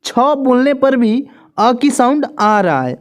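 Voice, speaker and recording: A woman with a fairly high voice runs a beginner reading lesson at a very slow, deliberate pace. She names each letter patiently and repeats it for her viewers. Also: big pitch swings. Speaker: teacher.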